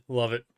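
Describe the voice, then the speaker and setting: A man on a casual gaming podcast, laid-back, mostly giving short agreeing replies. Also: medium pitch.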